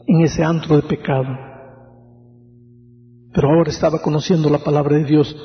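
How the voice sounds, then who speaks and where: A middle-aged man preaches, telling a story with dramatic pauses and soft, slowed moments. His voice sits somewhat high. The recording is muffled and carries a long reverb from a large hall. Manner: dramatic, slows and softens for quoted pleas. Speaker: pastor. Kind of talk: sermon storytelling.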